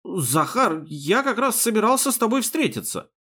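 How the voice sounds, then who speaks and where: A man's voice: high voice, big pitch swings, normal speed, sharp tone, pitched above the performer's own voice, exaggerated voice. A man voicing a timid, cowed German man who mumbles and stammers in an audiobook.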